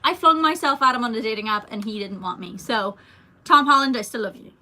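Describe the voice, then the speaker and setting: This young adult singer's voice sits on the high side, pushed and bright, and moves fairly quickly. She chats casually through a livestream Q&A, reading viewer comments, rambling and using many fillers.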